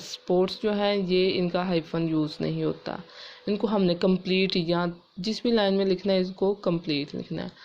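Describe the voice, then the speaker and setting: A woman English teacher explaining grammar rules step by step, spelling words out letter by letter and reading English rules slowly and carefully. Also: lowish voice, a little mellow, dull audio. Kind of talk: classroom-style grammar lesson.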